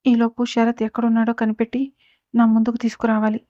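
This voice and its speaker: Domineering man, stern commands, mellow dry sound, voiced by a woman reading. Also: fairly high pitch, completely flat delivery, quick pace, no room sound, muffled recording, natural voice. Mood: threatening. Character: domineering man issuing threats.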